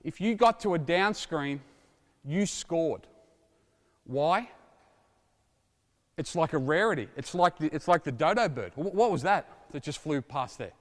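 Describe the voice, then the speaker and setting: A middle-aged coach talks with a high, carrying voice as he runs a basketball drill. His speech is energetic and direct, with quick calls to the players and explanations for the watching coaches. The sound rings with the long reverb of a big gym. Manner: energetic, shouts drill instructions. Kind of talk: coaching clinic demonstration. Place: indoor basketball court.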